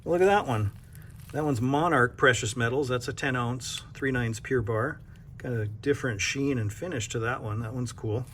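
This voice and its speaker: A man's voice: mid-range voice, fairly even intonation, normal speed, fairly bright tone, a little hiss or hum. A man from North Dakota who runs a coin shop, chatting casually and thinking aloud as he unboxes silver bars, with self-deprecating asides.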